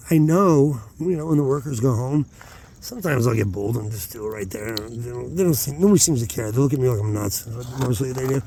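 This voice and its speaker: Medium-pitched and dark-toned, this man's voice comes through with a little hiss or hum. He's hosting his own outdoor vlog while rockhounding after dark, rambling hesitantly and breaking off his own sentences often.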